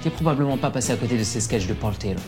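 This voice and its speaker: A man's voice: medium pitch, animated, very fast, music in the background, a crowd in the background. A man hosting a video, narrating in a chatty, teasing way and talking straight to the viewer. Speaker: video host. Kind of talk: casual narration.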